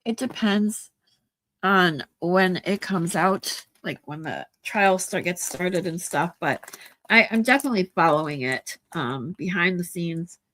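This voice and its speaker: This is a livestream host, a woman in her forties with a stuffy nose, chatting casually with viewers and rambling with lots of ums and restarts. Her voice is lowish and a bit bright, her pace measured, and the audio quality is poor.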